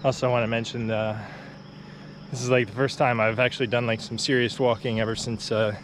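Against a noisy background, a young man with a medium-pitched voice talks fairly quickly in a casual walking vlog. He's going uphill on a quiet rural road, a little out of breath, yet relaxed and chatty with many fillers and short laughs. He records on a phone or action camera held at arm's length.

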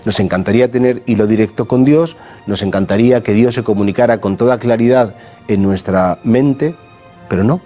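A middle-aged priest with a Spanish accent gives a conversational gospel homily, posing earnest rhetorical questions. His voice is lowish and mellow, his pace moderate, with faint music in the background.

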